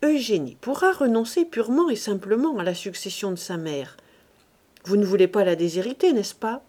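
A woman's voice: medium pitch, mellow, close to an everyday voice. A woman reading an audiobook voices an old provincial notary who is talking someone round.

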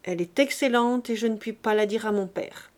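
A woman voicing a calm, defiant young daughter who answers coldly and firmly, in an audiobook reading. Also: mid-range voice, fairly quick, natural voice. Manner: quiet, cold and firm.

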